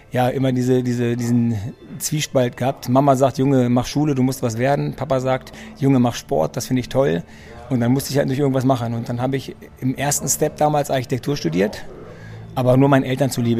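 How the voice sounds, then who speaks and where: A man with a gravelly, dark voice talks casually as an interview guest. He tells his story in a chatty way, often circling back and repeating words as he searches for phrasing. He sits in a restaurant for the conversation. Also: mid-range voice. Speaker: interview guest, sports physician. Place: restaurant in Munich.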